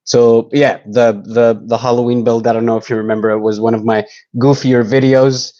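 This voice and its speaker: A man's voice: medium pitch, level tone, normal speed, mellow, lo-fi sound. A young man giving a casual, joking live tour, talking in an easygoing, rambling way.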